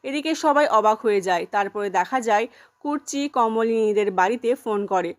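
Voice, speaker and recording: A woman's voice: medium pitch, moderate pace. A woman retelling a television serial episode, plainly narrating with quoted dialogue. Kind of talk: soap-opera episode recap narration.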